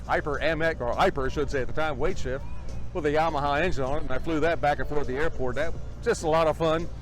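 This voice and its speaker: A mature man talks casually and plainly, with a folksy manner. His voice sits a little high for a man. Light music plays behind his interview answers. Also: low-quality recording. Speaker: airshow announcer.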